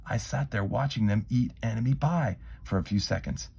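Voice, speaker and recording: A man reads a children's storybook aloud with drama and expression, shifting between hushed asides and emphatic phrases. His voice is fairly low, creaky and husky, at a normal speed.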